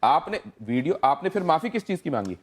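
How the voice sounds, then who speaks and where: Brief: high-voiced male debate anchor, insistent and interruptive. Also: sing-song, brisk, breathy edge. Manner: pressing, interrupts, repeats questions. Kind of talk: televised debate questioning.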